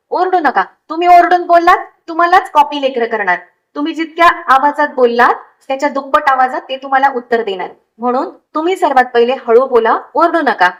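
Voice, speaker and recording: Young female counsellor, bright high voice, lecturing parents with rhetorical questions. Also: low-quality recording. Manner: instructive, with a frequent "thik aahe" and rhetorical questions.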